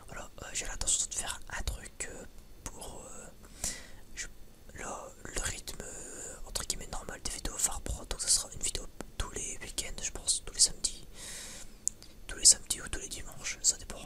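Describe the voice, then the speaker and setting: At normal speed, a male ASMR creator whispers a loose, rambling chat full of swearing. His speech is informal and hesitant, frequently stumbling over repeated words.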